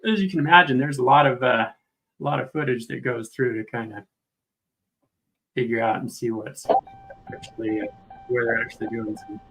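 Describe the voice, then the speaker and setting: A man's voice: mid-range voice, steady tone, normal speed, vocal fry, long pauses, a bit bright, soft background music, low-quality recording. A man giving casual, think-aloud live commentary as a host going through video clips. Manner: thinking aloud, informal narration. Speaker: video host reviewing footage.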